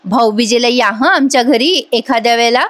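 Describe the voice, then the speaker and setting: A woman voicing a sweet-talking young wife who calmly persuades and pleads in a sisterly way. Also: a little high, moderate pace, lightly acted. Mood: insistent.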